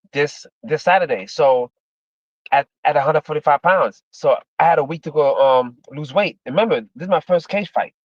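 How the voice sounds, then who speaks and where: With a voice on the high side, a Miami, Florida, USA man in his fifties, formerly an MMA fighter, chats loosely on his livestream. His talk is rambling and repetitive, peppered with "man" and "you know," and the recording is muffled with no room sound.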